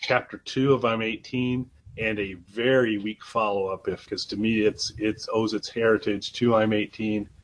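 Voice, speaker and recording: A man's voice: on the low side, level tone, moderate pace, hardly any pauses, poor audio. A man co-hosting a casual album review podcast, talking in a hesitant way with many restarts. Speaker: podcast co-host.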